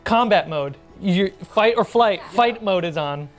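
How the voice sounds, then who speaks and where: Music plays in the background as a woman serves as game master, narrating a tabletop role-playing game casually and conversationally. Her medium-pitched voice is animated yet unhurried.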